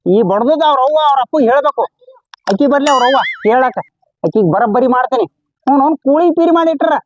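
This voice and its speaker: A woman's voice: sits high, lively intonation, fast talker, noisy background. A woman with a North Karnataka Kannada accent, playing a defensive, argumentative neighbour in a comedy skit. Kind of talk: scripted comedy skit dialogue.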